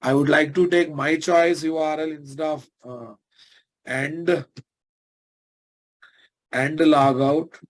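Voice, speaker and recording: A man's voice: fairly high pitch, fairly even intonation, slow pace, pauses often. A man with a Telugu Indian accent giving an informal live programming lesson, often addressing his listeners directly and asking checking questions. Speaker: programming instructor.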